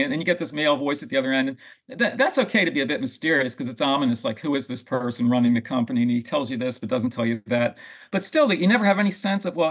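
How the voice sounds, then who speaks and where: A man's voice: fairly high pitch, creaky, slightly rough. A man reviewing a film in a thoughtful, wry way, often restarting his phrases. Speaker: film critic.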